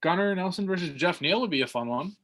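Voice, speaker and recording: A man's voice: high-pitched, animated, fast talker, fairly bright tone. A man co-hosting a fight podcast in casual chat, rambling with fillers and restarts. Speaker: podcast co-host.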